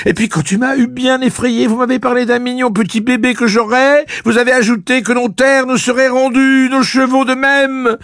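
A man reading aloud voices a furious, defiant young woman who shouts her accusations in a shrill voice. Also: dry recording, clean studio sound.

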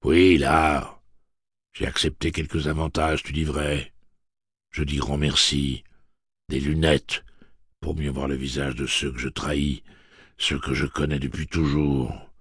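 A bitter, snarling traitor , as a male narrator puts him on, pushed louder and higher than plain narration. The voice stays gravelly and husky, heard in a dry, close audiobook recording. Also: flat delivery, measured pace, pauses often, dry recording, full character voice. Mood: weary. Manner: snarling, then weary and dignified. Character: snarling, whiny middle-aged male traitor. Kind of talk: audiobook character voice.

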